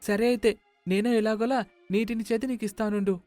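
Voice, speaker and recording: A man's voice: sits high, steady tone, brisk, a little mellow, no echo, faint music behind, voice pushed up, natural voice. A man voicing an eager little village boy who coaxes his friend along, in a cartoon story. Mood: coaxing. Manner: coaxing, bossy with his friend.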